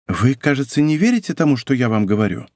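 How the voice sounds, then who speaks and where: A man reading an audiobook voices a gentle young female maid who speaks softly and pityingly. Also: mid-range voice, big pitch swings, quick pace, no echo, studio quality.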